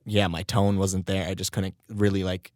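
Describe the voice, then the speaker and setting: A low-pitched, slightly mellow voice with little pitch movement carries this young rapper's solo podcast at normal speed. He rambles casually, swearing and laughing at himself, his voice still a touch strained as it recovers. The studio-quality audio has no echo.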